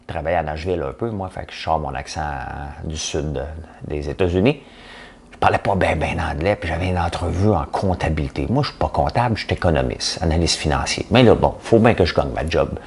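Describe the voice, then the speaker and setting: A man's voice: very deep voice, fairly quick, creaky, slightly rough. A middle-aged man with a Québécois French accent, hosting a casual morning commentary with folksy jokes and rambling asides. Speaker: commentary podcast host.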